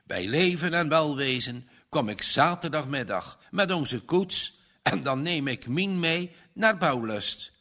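A man's voice: on the high side, lively intonation, slow, pushed and bright, full character voice. A man voicing a cheerful, easygoing young man in love. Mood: tender.

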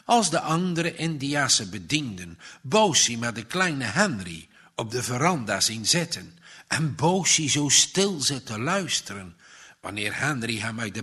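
A man reading a children's story aloud in a slow, expressive way. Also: mid-range voice, husky. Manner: slow, expressive reading with dramatic rises and falls. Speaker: narrator.

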